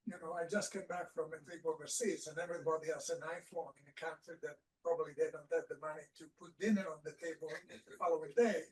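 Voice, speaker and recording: A man in the audience poses a long, wandering question to a live panel. His voice sits fairly high and comes from far off the microphone. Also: fairly even intonation, fast, hardly any pauses, a little mellow. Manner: rambling, searching question. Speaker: audience member asking a question.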